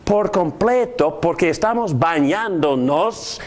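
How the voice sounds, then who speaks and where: A man's voice: a little high, slow pace. A man teaching a Bible class on prayer, asking his students questions as he goes. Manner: animated, asks the class questions.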